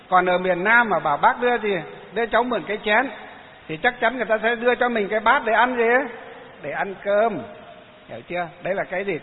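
A man with a northern Vietnamese accent giving a Buddhist sermon, asking rhetorical questions and answering them himself, with many drawn-out "à" fillers. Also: high voice. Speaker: Buddhist dharma teacher. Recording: tinny phone-like sound, hiss, long hall reverb.

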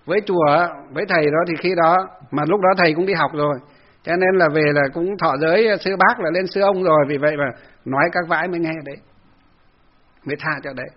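Brief: a Buddhist monk giving a storytelling dharma talk, high husky voice on a muffled recording. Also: male voice, fast talker. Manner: storytelling, conversational, acts out quotes.

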